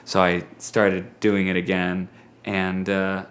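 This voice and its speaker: A man's voice: deep voice, completely flat delivery, takes it slowly, fairly bright tone, slight background noise. A man, an actor, casually telling anecdotes in an interview in a hesitant, rambling, self-deprecating way.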